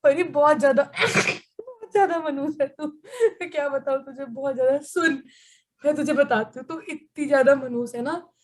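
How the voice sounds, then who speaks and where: A woman's voice: high voice, moderate pace, close to an everyday voice. A woman playing a gloomy, melodramatic teenage schoolgirl in an amateur church skit, wailing and theatrical. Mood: taunting doom. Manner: wailing, theatrical, doom-mongering.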